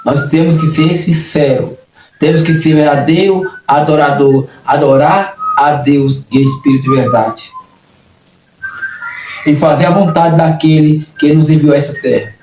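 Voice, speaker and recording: A man from Brazil preaching a sermon with a somewhat high voice, earnest and repetitive, often breaking off and restarting phrases. He sounds set back from the mic in an echoey room, with clear noise behind him. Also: unhurried, recorded from a distance.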